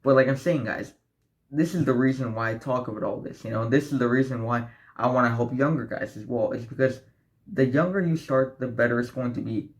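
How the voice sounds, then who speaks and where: A young adult male self-improvement vlogger in his late teens talks direct to camera, giving blunt, profane, preachy motivational advice. His pitch is average and he speaks a little fast, calling viewers "guys" and asking "right?" over and over.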